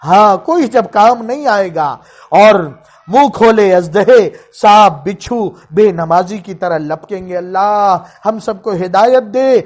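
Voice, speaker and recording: A man preacher giving an emotional sermon, pleading with his listeners and telling a story with feeling. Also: sits high.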